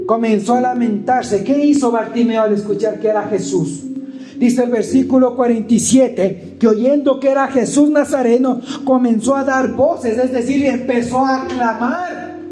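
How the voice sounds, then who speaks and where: Emphatic preacher in echoey hall. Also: high voice. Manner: emphatic preaching, asks rhetorical questions and answers them; repeats phrases for emphasis. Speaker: pastor. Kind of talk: sermon. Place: church hall. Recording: echoey church hall with music. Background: music.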